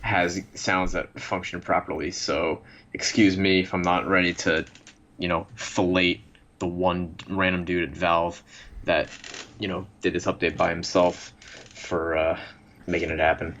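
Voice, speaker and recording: Co-host, a man with a very low voice, blunt and sarcastic, hollow fishbowl sound over a dull lo-fi mic. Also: level tone, a little slow, a bit bright, slight background noise. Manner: blunt, sarcastic, swears freely. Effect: muffled, hollow sound as if inside a fishbowl. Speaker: esports podcast co-host. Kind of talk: casual chat.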